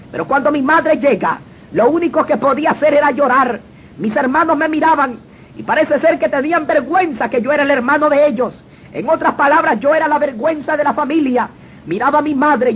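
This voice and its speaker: A man with a very high, somewhat bright voice tells his personal testimony, earnest and dramatic like a storyteller. The recording is dull and lo-fi, with faint noise.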